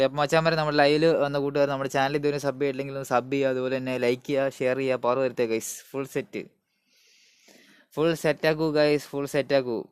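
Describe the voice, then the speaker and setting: Clear-voiced Malayali man hyping a gaming stream, code-mixing English. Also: medium pitch. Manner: mixes English words and phrases into Malayalam; hype-building, calls out greetings to viewers. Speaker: live stream host. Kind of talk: casual gaming live stream chat.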